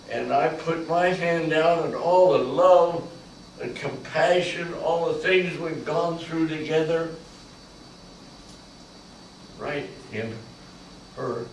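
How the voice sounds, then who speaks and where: Older man, veteran storyteller, dramatic monologue, very slow, very echoey room, faint background hum. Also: a little high, recorded from a distance. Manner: slow, repetitive, swelling to loud emotional peaks. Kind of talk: dramatic spoken-word monologue. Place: large echoey college room.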